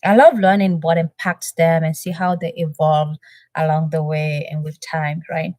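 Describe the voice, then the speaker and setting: A low-voiced woman from Benin, whose first language is French, hosts a reaction channel and chats live with viewers on a stream. She's chatty, thanks people warmly, and reads the chat aloud with many fillers. Her delivery is flat at a normal speed, in a dry recording.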